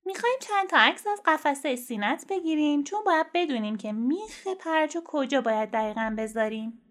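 A woman voicing a kind, patient female doctor in a children's storybook, explaining things gently and reassuringly. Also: sits high, expressive.

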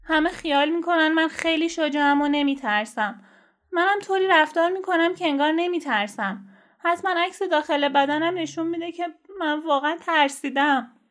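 A woman voicing a small, anxious young boy turtle in a children's storybook, speaking softly and hesitantly. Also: high voice, natural voice. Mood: tearful.

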